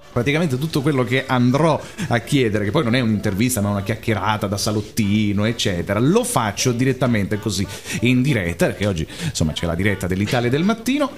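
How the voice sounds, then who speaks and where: Rambling radio host, man. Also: mid-range voice. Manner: rambling, self-deprecating, chuckling. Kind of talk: casual live radio chat. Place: radio studio. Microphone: studio microphone.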